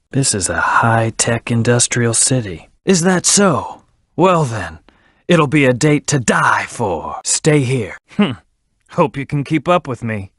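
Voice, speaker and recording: A brooding hedgehog antihero from a video game, mid-pitched and arrogant. He speaks tersely, with cool command and a hint of menace. The recording is very dry and close, with no room sound. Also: a bit bright, dry recording. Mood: cool, focused. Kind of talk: scripted video game character lines.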